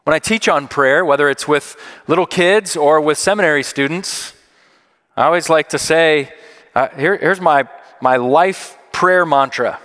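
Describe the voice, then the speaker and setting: A man's voice: on the high side, measured pace, a bit bright. Man preaching in a reverberant church. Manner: conversational, emphatic, repeats key phrases. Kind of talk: sermon. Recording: long hall reverb.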